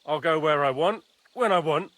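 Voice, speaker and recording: An actor voicing a quick-tempered, commanding nobleman in a video game, curt and bossy. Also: a little high, a bit bright, dry recording, close to an everyday voice. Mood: irritated. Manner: curt, ordering others about.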